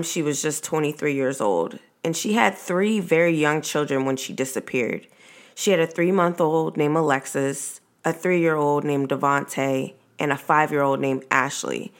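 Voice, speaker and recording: A low-voiced woman works as a true crime narrator on her podcast. She tells the case conversationally, as its host, slipping in informal personal asides. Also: a bit bright.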